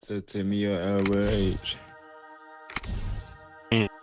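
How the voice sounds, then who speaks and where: A man's voice: fairly low pitch, monotone, slow pace, over music. A man acting as a police recruiter in a roleplay game, giving curt, repeated commands. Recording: muffled voice chat with faint noise.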